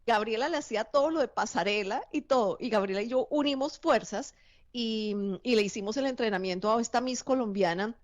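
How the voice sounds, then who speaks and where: A woman who coaches people for camera work, telling lively stories in an interview. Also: fairly high pitch, brisk, no echo, muffled recording. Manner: lively storyteller, acts out quoted dialogue. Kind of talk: interview conversation.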